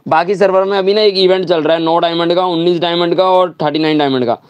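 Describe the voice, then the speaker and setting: A man's voice: high-pitched, steady tone, fast talker, smooth, no room sound, dull audio. Angry swearing young male game streamer. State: slightly sore throat. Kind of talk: live gaming stream chat.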